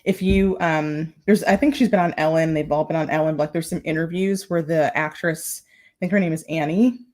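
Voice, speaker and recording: A woman's voice: low voice, fairly even intonation, brisk, darkish tone. A woman hosting a casual live stream from her home, chatty and playful, a little out of breath and calling her viewers y'all. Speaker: style vlogger hosting a live Q&A.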